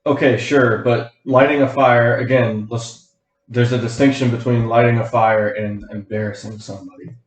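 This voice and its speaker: Young male co-host, measured and careful in argument, middle pitch, echoey room. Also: steady tone. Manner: measured, arguing a point carefully. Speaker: podcast co-host. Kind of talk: casual chat. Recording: roomy echo.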